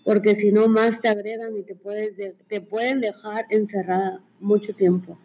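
A woman's voice: medium pitch, little pitch movement, normal speed, slightly rough. Earnest advising woman over a phone line. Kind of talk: advice over a call-in chat.

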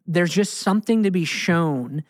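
A high-pitched American man, speaking a little slowly, co-hosts a casual podcast about the Bible and teaches on it. His tone is earnest and emphatic, with phrases often repeated for emphasis.

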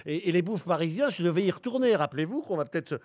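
Male radio panelist, high voice, dry close sound, rambling and boastful, trails off. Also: lively intonation, very fast, a little mellow, dry recording. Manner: rambling, self-aggrandizing, trails off mid-word.

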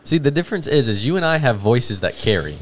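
A man co-hosting a casual podcast chat, loud and emphatic as he rants about what he dislikes. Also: medium pitch, sing-song, fast, a little hiss or hum. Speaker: podcast co-host.

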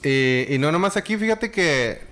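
A man's voice: on the high side, lively intonation, moderate pace, a bit bright. A man hosting a casual podcast over beers, joking and slangy, with lots of fillers and restarts. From Chihuahua, Mexico. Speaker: podcast host.

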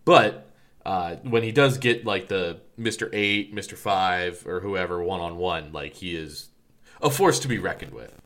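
Low-voiced man rambling in podcast chat. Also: expressive, unhurried, fairly bright tone. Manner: rambling, many fillers and restarts. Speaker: podcast co-host.

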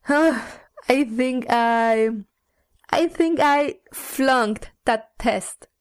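A woman from Mexico plays the learner in a scripted bilingual lesson. She speaks high and unhurried, echoing the teacher's phrases with a playful touch. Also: clear, resonant tone. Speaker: co-host and student.

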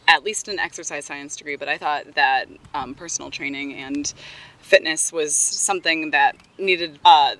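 Lower-pitched woman chatting as a guest. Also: bright, forceful tone. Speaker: interview guest, Pilates studio co-owner. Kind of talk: casual interview talk. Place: outdoors.

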